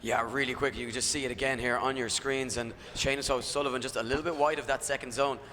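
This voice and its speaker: A man commentating live on drift racing as a motorsport commentator, moving between excited calls and analysis. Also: mid-range voice, fast. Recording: loud engine and vehicle noise outdoors.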